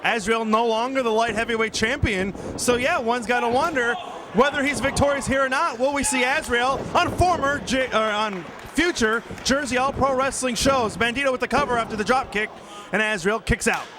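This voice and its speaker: High-pitched wrestling announcer, a man. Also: moderate pace. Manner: excitable, exclamatory calls of the action. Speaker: wrestling play-by-play commentator. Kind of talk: live wrestling commentary. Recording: noisy arena with loud crowd behind. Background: crowd noise of a live wrestling show.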